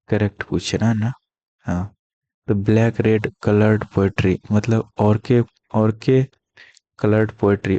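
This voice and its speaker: Soft-spoken man teaching in a low murmur. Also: lo-fi sound. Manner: speaking softly to avoid coughing; repeats key terms and mnemonics. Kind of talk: exam-prep lecture.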